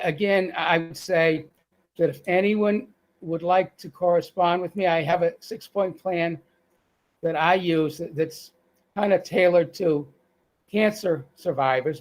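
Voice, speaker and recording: A middle-aged man with a Boston accent appears as a guest on a live video call for a casual interview. His voice is on the high side and unhurried, full of fillers and restarts.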